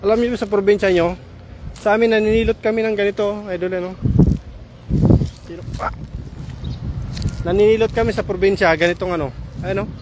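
Against a noisy background, a Samar man with a high voice talks a little fast but leaves long pauses. He's filming a casual phone vlog while walking by a pond in a daytime park, chatting excitedly and addressing viewers as "idol."

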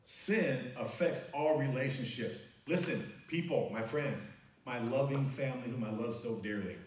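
A man's voice: medium pitch, moderate pace, slight background noise. A man preaching a sermon as pastor, emphatic and conversational. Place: church sanctuary. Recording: very echoey church hall, mic at a distance.

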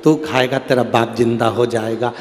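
A male preacher voicing a calm, commanding old guru who speaks low and dry. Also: normal speed, big-room sound, natural voice. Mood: wry.

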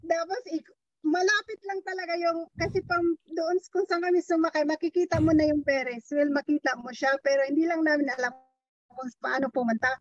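A woman's voice: high voice, steady tone, brisk, no echo, muffled recording. A woman chatting casually in a small group, telling a story and mixing in English. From Philippines. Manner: chatty, mixes Tagalog and English.

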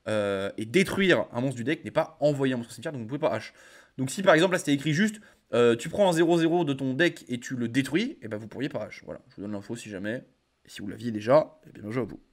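A young man reading card effects aloud and reacting in relaxed slangy chat as a card game content creator. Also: mid-range voice, fast talker. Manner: reads card text then comments casually with slang. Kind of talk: casual card review reading.

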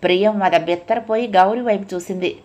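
A woman reads a novel aloud in a steady, even storytelling voice. Her pitch sits in the middle for a woman. She keeps the narration calm and unhurried between the characters' lines. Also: muffled recording. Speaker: audiobook narrator.

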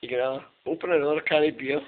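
Middle-aged man, winded and swearing, drunken hotel-room banter; slightly high voice, thin phone-like sound. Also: fairly even intonation, rapid-fire, a crowd in the background. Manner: rowdy, teasing, swearing. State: out of breath. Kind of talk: drunken late-night banter. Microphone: handheld camera. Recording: tinny lo-fi camera audio with faint hiss.

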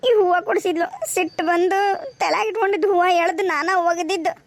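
Woman as a tearful young cartoon villager, North Karnataka accent, plaintive and very high. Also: steady tone, fast. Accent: North Karnataka Kannada. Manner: weepy, plaintive. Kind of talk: cartoon voice acting.

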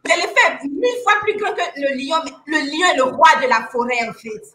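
A woman's voice: sits high, lively intonation, a little fast, pushed and bright, echoey room. A woman hosting a live online talk show, emphatic, repeating key phrases and asking the audience questions.

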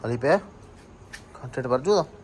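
A chatty man talking straight to the camera as he vlogs his day as a new father. His voice sits at an ordinary middle pitch, and the recording is noisy, with traffic heard behind him. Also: animated, fairly quick, a little mellow. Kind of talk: casual family vlog chat.

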